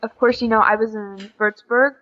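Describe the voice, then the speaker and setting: Speaking fairly quickly with a fairly high pitch and fairly even intonation, this young American woman chats as a podcast guest. She's an exchange student from Oklahoma, and the recording sounds dull and lo-fi.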